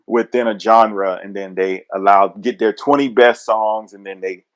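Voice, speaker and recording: Low-voiced easygoing podcast co-host man. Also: steady tone, moderate pace. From Atlanta. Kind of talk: casual podcast chat.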